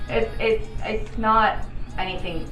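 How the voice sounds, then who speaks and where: A woman's voice: a little high, fairly even intonation, slow, fairly bright tone. A tipsy woman rambling and giggling through a casual, chatty review, losing her thread as she goes. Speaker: co-host of a TV series review. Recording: echoey room, distant mic, music behind.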